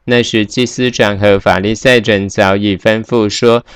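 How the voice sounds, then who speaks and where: A man giving a steady, measured scripture reading. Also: fairly low pitch, clear, resonant tone, dry recording.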